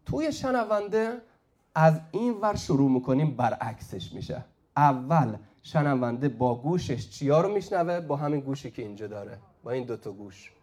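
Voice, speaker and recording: Teaching at the board, this man speaks expressively in a mid-range voice with a darkish tone. He quizzes the class throughout and urges them to "say it," having students call out the answers.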